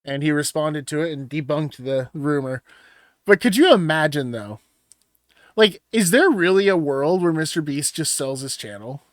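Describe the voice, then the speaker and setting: Young man, casual banter, loud and profane, slightly high, dry close sound. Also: lively intonation, normal speed, no room sound. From Washington State. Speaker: podcast co-host and streamer.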